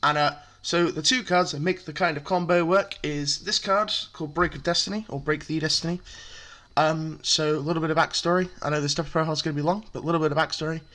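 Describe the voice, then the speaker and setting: Man, slightly high voice, casual, chatty, lots of ums, step-by-step explaining. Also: steady tone, fast talker, hardly any pauses, sharp tone. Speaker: deck profile presenter. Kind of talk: casual card game explanation.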